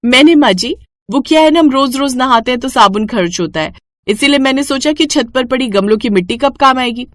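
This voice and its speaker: A woman's voice: high voice, brisk, a bit bright, dry recording, clean studio sound, pitched above the performer's own voice. Woman voicing a cheeky young daughter-in-law.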